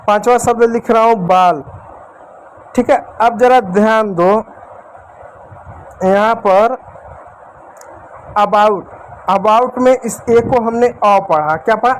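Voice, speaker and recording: A man's voice: high voice, a little hiss or hum, poor audio. A man teaching a lesson at a board, repeating each point and quizzing his students with questions. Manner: addresses listeners as dear children and friends.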